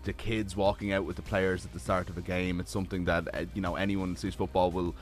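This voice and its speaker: A man's voice: sits low, flat delivery, fast. A man in a radio studio chatting casually as a sports news guest, rambling with fillers.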